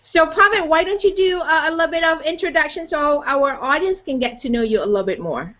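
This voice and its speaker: A woman's voice: sits high, expressive, brisk, a bit bright. A woman from Malaysia hosting a live online show, upbeat and chatty with lots of "you know" fillers, over a video call. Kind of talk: live webcast chat. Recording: dull lo-fi video call audio.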